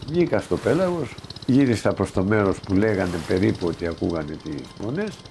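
Gravelly low-voiced man recounting a memory. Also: very animated, background noise. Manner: plain, vivid storytelling, quoting others. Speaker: eyewitness telling his story. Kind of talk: spoken first-person recollection.

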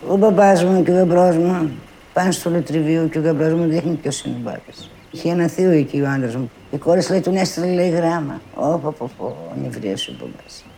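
A woman's voice: low-pitched, creaky, a little hiss or hum. An older woman telling a personal story from her youth, bringing it to life by acting out the voices of the people in it. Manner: animated retelling, acting out quoted speech with many asides of "she says".

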